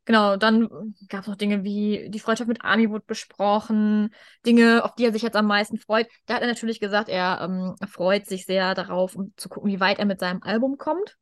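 Young woman chatting casually, mid-pitched voice. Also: fairly even intonation, normal speed, no room sound, clean studio sound. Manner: drops English words into German. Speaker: podcast co-host. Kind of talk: casual fan chat.

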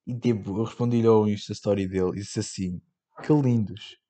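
A man's voice: on the low side, warm tone. A young man with a European Portuguese accent, hosting a casual solo podcast, rambling in slang with many fillers and swearing. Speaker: podcast host.

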